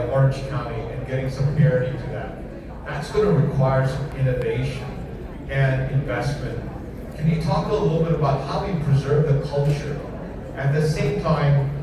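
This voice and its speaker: A man moderating a panel discussion, posing questions in a measured way with many fillers. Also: mid-range voice. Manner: measured, uses fillers like 'you know'. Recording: echoey hall, distant mic, crowd noise.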